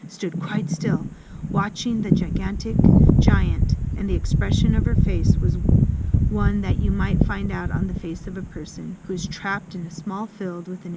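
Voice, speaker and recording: A woman reading a children's book aloud, expressive, with small slips and restarts. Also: mid-range voice. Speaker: reader. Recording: loud background noise with passing traffic.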